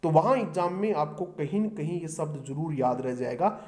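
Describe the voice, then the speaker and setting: A man's voice: a little high, moderate pace, darkish tone. A middle-aged man teaching exam vocabulary, often asking his students a question and then answering it himself. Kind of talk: exam-prep vocabulary lesson.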